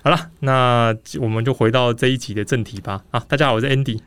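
Fast-talking man speaking through a face mask. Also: medium pitch, steady tone, fairly bright tone, smooth. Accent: Taiwanese Mandarin. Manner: explanatory, rambling. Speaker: podcast host. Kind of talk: casual podcast chat.

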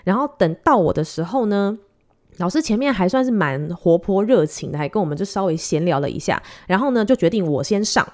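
Taiwanese woman, late 30s, podcast host, animated storyteller with a wide, lively pitch. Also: a little fast. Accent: Taiwanese Mandarin. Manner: chatty, animated, acts out quoted dialogue. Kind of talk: casual storytelling monologue.

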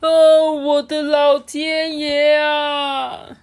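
A woman putting on a clumsy, cheery storybook man who gropes about blindfolded and calls out. The voice sits far above her own, loud and slowed right down, each word stretched long. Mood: playful calling. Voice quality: high, loud and drawn-out.

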